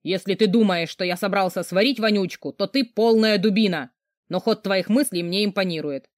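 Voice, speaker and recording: A woman voicing a gruff, burly male boss who barks rude commands and swears. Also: high-pitched, normal speed, no echo, studio quality, lightly acted. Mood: gruff angry.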